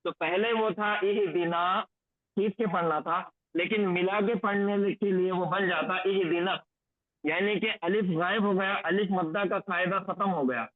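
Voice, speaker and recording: A man teaching Quranic Arabic grammar in an online lesson, explaining rules and slowly drilling recitation phrases over and over. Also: high-pitched, no room sound. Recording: tinny phone-like lo-fi audio, dry.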